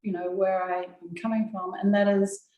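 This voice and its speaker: A woman poet introducing herself on a panel, warm and reflective. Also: medium pitch, level tone, moderate pace. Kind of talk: panel introduction and poetry recital. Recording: roomy echo.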